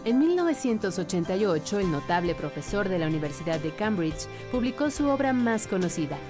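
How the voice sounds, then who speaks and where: A woman's voice: mid-range voice, big pitch swings, fairly quick. A woman reading scripted documentary narration as the narrator. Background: music.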